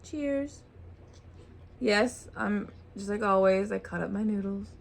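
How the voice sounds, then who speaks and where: A woman's voice: mid-range voice, little pitch movement, normal speed, gravelly. A woman hosting a vlog, chatting casually while eating a meal at home. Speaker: vlog host. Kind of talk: casual chat over a meal.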